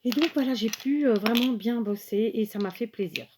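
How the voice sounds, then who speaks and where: A woman's voice: fairly high pitch, normal speed, noisy background. A woman talking viewers through a handmade card step by step, chatty, often correcting herself and checking in with them. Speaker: craft tutorial host. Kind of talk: casual craft tutorial.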